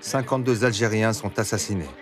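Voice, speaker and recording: Low-voiced man narrating a documentary. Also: a little fast. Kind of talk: scripted narration. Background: music.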